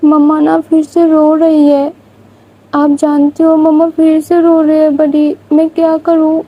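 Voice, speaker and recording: A woman's voice: high voice, monotone, dull audio, voice pushed up. A woman voicing a small girl who is crying and pleading with her aunt over the phone. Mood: tearful. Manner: tearful, whiny pleading.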